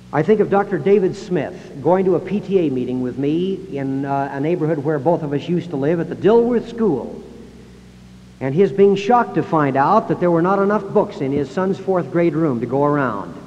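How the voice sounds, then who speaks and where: A man's voice: fairly high pitch, darkish tone, slight background noise. Man giving a speech on old analog tape. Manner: emphatic, acts out quoted voices. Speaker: speaker. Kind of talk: public speech. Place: high school hall. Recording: dull 1960s analog tape in a hall.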